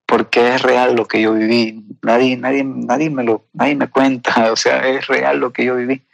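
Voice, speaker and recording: A man telling an emotional personal testimony in a halting, earnest way, with many fillers and tag questions. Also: mid-range voice, flat delivery, gravelly, no echo, highs cut off. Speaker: guest sharing a personal testimony.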